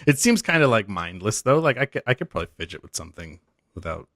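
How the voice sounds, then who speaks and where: A man co-hosting a podcast in casual chat, easygoing and quick to laugh. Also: lowish voice, sing-song, a bit bright, dry recording, studio quality. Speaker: podcast co-host.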